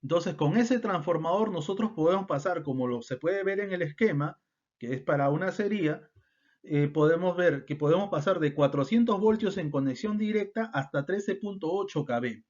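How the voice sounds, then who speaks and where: A man's voice: sits high, lively intonation, moderate pace, darkish tone. Man lecturing, lots of tag questions. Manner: explanatory, frequent tag questions and fillers. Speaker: instructor. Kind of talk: technical lecture. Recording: dull lo-fi sound.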